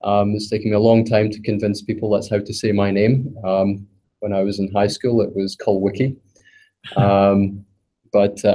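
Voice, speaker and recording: Speaking in a low, dark voice, this presenter from Scotland gives a technical meetup talk that is also streamed online. He hesitates often, leans on fillers, and pokes a bit of fun at himself.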